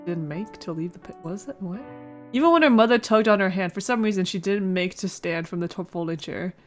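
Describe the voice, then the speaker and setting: Reading a visual novel aloud for a relaxed let's play, this woman speaks briskly at a medium pitch. Music runs in the background, and she trips over some words and drops in playful comments.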